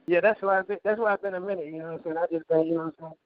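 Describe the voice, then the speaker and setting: A man from Michigan calling in to a show, chatting in relaxed, easygoing slang. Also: sits high, very fast, no room sound, lo-fi sound. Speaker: caller, musician. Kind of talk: casual phone-in chat.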